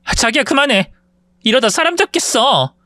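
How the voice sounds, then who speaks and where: Male narrator plays a commanding young wife, high-pitched and scolding. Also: big pitch swings, normal speed, bright, forceful tone, no room sound, studio quality, full character voice. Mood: pleading, shaken.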